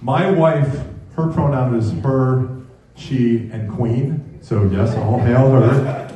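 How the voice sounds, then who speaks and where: An older man doing a stand-up comedy set, telling wry stories with pauses before the punchlines, on a club stage with the audience laughing. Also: medium pitch, mellow. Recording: echoey club room from a distance.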